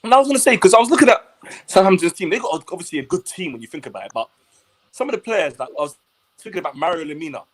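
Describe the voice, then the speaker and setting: A man's voice: high voice, animated, rapid-fire. A man co-hosting a casual live stream, teasing his friends and laughing often. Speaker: podcast co-host. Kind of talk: casual banter.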